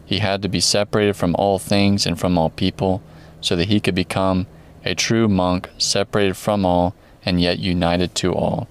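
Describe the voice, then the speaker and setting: A man narrating an audiobook in a very deep voice with little rise and fall. His tone is smooth and resonant, and the reading stays measured and solemn. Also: little pitch movement. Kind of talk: scripted narration.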